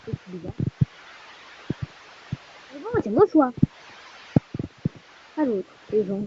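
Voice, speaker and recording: A woman giving casual, chatty and playful commentary while playing a game, with sudden excited squeals. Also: on the high side, drawn-out words. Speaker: gamer. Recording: dull lo-fi recording with faint noise.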